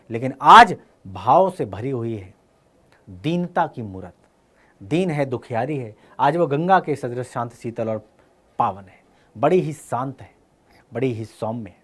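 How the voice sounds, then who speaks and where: A male teacher explaining a Hindi poem to students, reciting verse lines slowly and then explaining them in casual speech. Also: medium pitch, a bit bright. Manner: uses fillers like "है ना" and "clear है".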